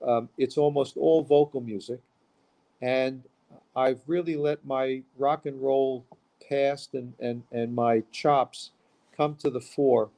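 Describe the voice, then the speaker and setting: A man's voice: medium pitch, creaky, warm tone. A man from Queens, a musician talking casually as an interview guest. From Queens, New York.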